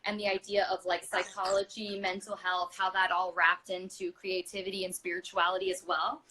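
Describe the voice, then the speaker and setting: Heard over a video call, this stage actress and singer in her thirties talks in a mid-range, level voice at normal speed that sounds pushed and bright. As a casual interview guest, she fills her speech with fillers and performs the voices she quotes.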